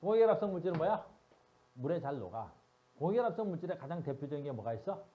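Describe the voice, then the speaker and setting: Man, science teacher, classroom lecture, teasing, quizzes students, lively pitch, dull lo-fi sound. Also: quick pace, a little hiss or hum.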